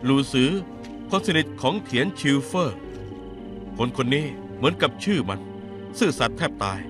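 A man dubbing a shrewd gangland mediator in a TV drama, calm and authoritative. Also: medium pitch, normal speed, close to an everyday voice. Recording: drama dub with clear music.

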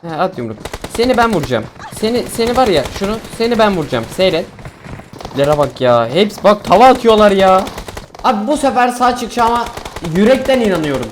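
A young man from Turkey giving excitable, joking commentary while he streams a game, complaining loudly and then muttering low. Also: fairly quick. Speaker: gaming streamer. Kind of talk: casual gameplay commentary. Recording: faint game noise and gunfire behind.

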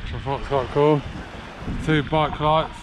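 A young angler vlogs his fishing trip from a sea wall, rambling chattily into a handheld camera mic and saying "but yeah" again and again. His voice is a bit high, steady, and slow, while loud wind and water noise fill the outdoor recording.

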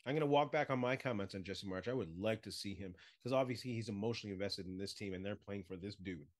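A man co-hosting a casual sports podcast, bluntly firing quick questions at his partner. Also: fairly low pitch. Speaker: podcast co-host.

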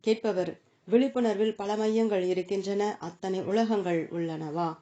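An earnest seeker asking about the mind and the self, voiced by a woman reader. The questions come in a plain, even way with a warm, relaxed tone. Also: medium pitch, normal speed, highs cut off, close to an everyday voice. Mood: questioning.

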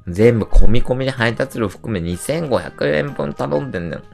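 Animated, rough-talking man ranting casually. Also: mid-range voice, normal speed, faint music behind. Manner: animated ranting storyteller, rough slangy speech. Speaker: livestreamer. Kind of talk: casual chat.

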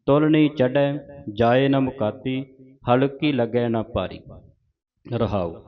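Punjabi guy reading verses real slow, stops to fix how words are said, kinda muffled recording. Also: mid-range voice. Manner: recites verses line by line, pausing to correct pronunciation. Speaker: scripture recitation teacher. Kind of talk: slow measured recitation lesson. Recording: dull lo-fi recording.

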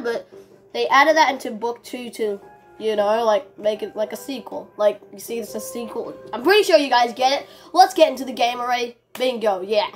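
Excitable woman with a slightly high voice, chatty rambling game commentary over soft background music. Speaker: gaming video creator. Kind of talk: casual gameplay commentary.

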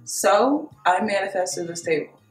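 A woman's voice: mid-range voice, animated, measured pace. A young woman vlogger chatting casually to camera in a gushing, enthusiastic way, as in a home makeover reveal. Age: young adult. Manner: gushing, enthusiastic about finds. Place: small dining room at home, indoors. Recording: roomy echo, faint music behind.

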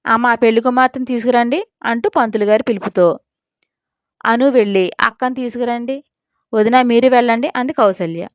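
Woman reading a dramatic story, smooth voice. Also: fairly high pitch, fairly even intonation, fairly quick, dry recording, lo-fi sound. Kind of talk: scripted audiobook narration.

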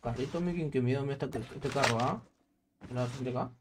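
A man with a Peruvian accent streaming a shooter game, excitable and swearing, calling his teammates "papi". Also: mid-range voice, normal speed. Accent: Peruvian Spanish. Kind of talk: casual gaming livestream chat. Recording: gunfire and game noise behind. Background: loud video game gunfire.

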